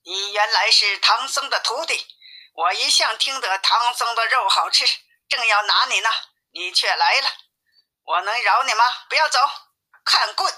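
A woman's voice: on the high side, normal speed, pushed and bright. A woman voicing a fierce male demon king in a storybook reading. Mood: menacing. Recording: tinny phone-like sound.

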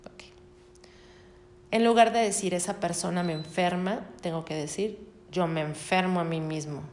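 A woman reading a self-help text aloud in a steady voice, breaking off now and then for casual spoken asides. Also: lowish voice, normal speed. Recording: roomy echo.

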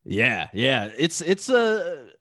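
A man's voice: fairly high pitch, very animated, slow, a bit bright, no echo, clean studio sound. A male podcast host chatting casually, rambling through stories with lots of fillers and swearing. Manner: rambling, laid-back storytelling, full of fillers and swearing.

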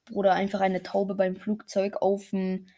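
A woman's voice: mid-range voice, completely flat delivery, a little slow, warm tone. A young woman chatting casually as host, slangy and often searching for words. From Switzerland. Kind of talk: casual chat.

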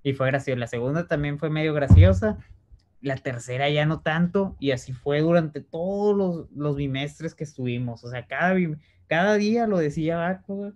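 A man's voice: a little high, moderate pace, a little mellow. A young man with a Mexican accent, recalling stories in a casual chat with friends, slangy and laid-back. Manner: laid-back storyteller full of slang who quotes himself. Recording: dull lo-fi sound.

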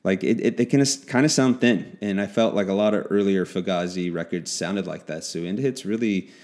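A man's voice: sits low, brisk, a little mellow. A man in his forties, a podcast co-host, reminiscing in casual chat with many restarts. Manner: reflective, rambling with restarts.

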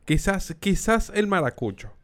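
A Venezuelan man co-hosting a comedy podcast, playful and teasing, quick to laugh. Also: high voice, big pitch swings. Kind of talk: casual chat.

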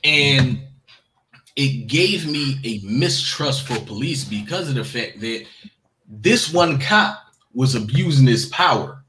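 A man's voice: medium pitch, animated, takes it slowly, bright, forceful tone, poor audio. A man in his early forties telling a personal story in a casual podcast chat, full of fillers and restarts. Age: 40s.

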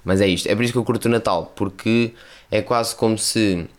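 A young man with a European Portuguese accent and a lowish voice speaks briskly as he hosts a solo podcast. His style is casual and rambling, packed with slang and swearing.

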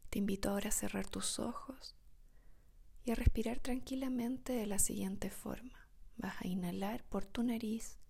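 A woman whispers a guided meditation in the soothing manner of a sleep story narrator, speaking softly with long pauses. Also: medium pitch, fairly even intonation, creaky, husky.

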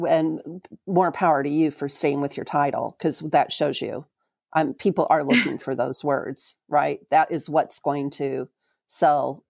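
A woman's voice: sits low, vocal fry, a little mellow, no echo, studio quality. A woman hosting a podcast interview, enthusiastic and encouraging, with fillers like "um". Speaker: podcast host.

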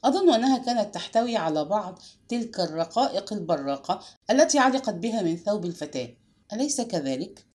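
A shrewd old spinster detective, calm and deliberate, with low, unhurried speech, as a woman reads her aloud. Her tone is warm and mellow, with a lively rise and fall, in a storybook reading. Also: natural voice. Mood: grave, knowing.

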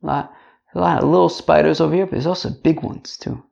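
A man's voice: on the high side, quick pace, gravelly, darkish tone, dull audio. A man teaching an informal religious lesson to a class, chatty, repeating phrases and checking in with rhetorical questions. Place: indoors.

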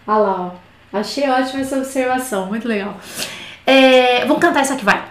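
A woman teaches an online French class in a high, bright voice, talking in a chatty, explanatory way and slowing to sing little children's songs line by line. The room is echoey, and there is a slight hiss or hum.

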